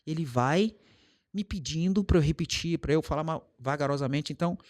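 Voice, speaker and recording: A man's voice: fairly high pitch, fairly quick, a little mellow. A Brazilian man who teaches English, talking casually and explaining his method with everyday examples. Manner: explains with everyday examples and acted quotes, varying pace. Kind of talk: casual monologue to camera.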